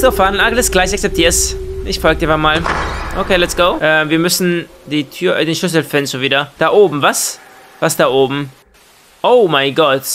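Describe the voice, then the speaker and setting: A young man doing excitable Let's Play commentary, full of exclamations and questions and sprinkled with English slang. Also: a little high, slight background noise. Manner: mixes English slang into German. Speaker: gaming YouTuber.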